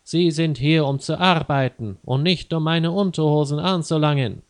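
Man doing an indignant male traveler, loud, ranting, storybook reading, dry close sound. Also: fairly high pitch, normal speed, no echo, voice pushed up, close to an everyday voice. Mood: shouting. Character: angry tired male traveler shouting at customs.

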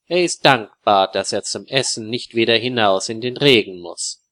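Slow, bright-voiced male story narrator. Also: mid-range voice. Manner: calm, evenly articulated reading.

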